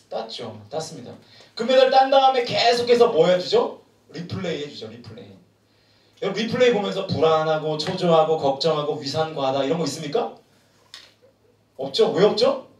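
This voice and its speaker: A male pastor preaching a sermon at a retreat, animated and joking, throwing questions to the crowd. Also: high voice. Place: large room at a retreat. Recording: echoey room from far off.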